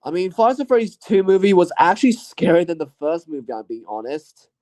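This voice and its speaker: A man with a fairly high, mellow voice talks casually into the mic on his own. His talk wanders and hedges, with "you know" and "I guess" scattered through it and thoughts that trail off before he picks them back up. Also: sing-song, brisk. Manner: rambling and hesitant, full of "you know" and "I guess". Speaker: channel host. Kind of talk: casual solo year-in-review talk.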